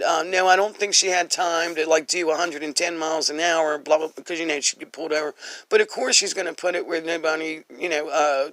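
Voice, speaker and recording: A man's voice: fairly high pitch, fairly bright tone, dry recording. A congested man giving a rambling, hesitant tarot reading full of fillers and restarts. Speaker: tarot card reader.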